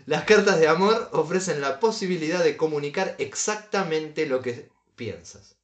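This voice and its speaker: A man's voice: fairly high pitch, expressive, normal speed, echoey room. A man co-hosting a casual comedic podcast, reading advice aloud with dry asides and chuckles. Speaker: podcast co-host.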